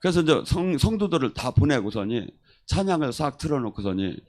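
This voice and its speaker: A male pastor preaching, his pitch swinging widely up and down as he tells stories. He slips into the voices of the people he quotes, which keeps the sermon lively and theatrical. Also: a little fast. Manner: animated storyteller who acts out quoted voices.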